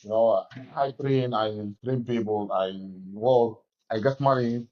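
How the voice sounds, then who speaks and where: A fighter and coach from Egypt, in his forties, gives halting English answers full of restarts in an interview held in a gym locker room. He speaks in a steady, medium-pitched voice, and the sound is lo-fi.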